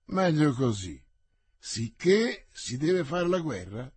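A man reading the part of a shrewd, persuasive male musketeer in an audiobook, in a measured way. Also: on the high side, very animated, darkish tone, slightly rough, no echo, full character voice.

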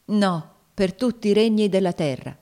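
Woman reading as Uncle Tom, devout and gentle. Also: lowish voice, unhurried, pitched above the performer's own voice, natural voice. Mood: firm, imploring. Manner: earnest, solemn pleading. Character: devout gentle older man, steadfast.

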